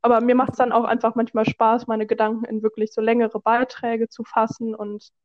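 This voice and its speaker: A fairly high-pitched woman comes through a glitchy call line with dropouts. The call sounds dull and lo-fi, and it is dry with no room echo. She talks as an easygoing podcast guest. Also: monotone, fairly quick. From Germany. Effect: glitchy call connection with dropouts. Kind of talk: casual chat. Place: at home in a storm. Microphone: own microphone over a remote call.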